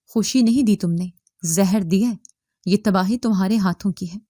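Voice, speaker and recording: A woman's voice: medium pitch, dark tone, dry recording, studio quality, lightly acted. A woman voicing an angry, stern middle-aged father in a spoken story, reading his lines in a harsh, scolding manner. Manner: scolding, bitter.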